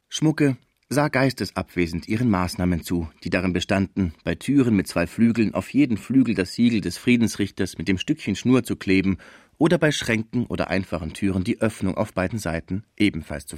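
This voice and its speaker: A man's voice: deep voice, lively intonation, normal speed, a little mellow, no room sound, studio quality. A man narrating a classic novel as an audiobook, telling the story expressively.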